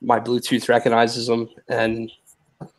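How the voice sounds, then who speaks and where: A man co-hosting a casual live stream over a remote call, complaining in a wry, deadpan way. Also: medium pitch, normal speed, poor audio.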